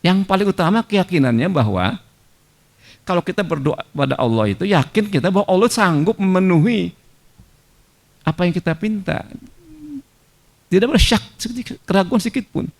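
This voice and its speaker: A man's voice: sits high, lively intonation, normal speed, pauses often. A man giving a conversational sermon in a mosque, mixing in Arabic quotations. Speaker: preacher.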